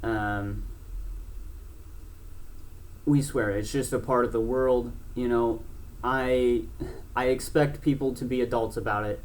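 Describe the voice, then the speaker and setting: A blunt young man in his twenties talks straight to camera as a gaming channel host. His delivery rambles, full of fillers and restarts, and he swears freely. His voice sits at an ordinary middle pitch for a man. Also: steady tone, slow pace, pauses often. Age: 20s. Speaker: gaming YouTuber. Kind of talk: casual talk to camera.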